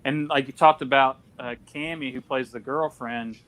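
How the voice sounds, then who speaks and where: A man's voice: medium pitch, fairly even intonation, moderate pace, a bit bright. A man hosting a casual film discussion, chatty with lots of fillers and restarts. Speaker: podcast host.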